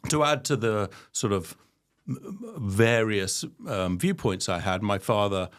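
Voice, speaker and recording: A low-voiced man speaks as an interview guest. He talks reflectively, pausing on ums and restarting his sentences as he thinks aloud. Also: animated. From London, England. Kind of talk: conversational interview.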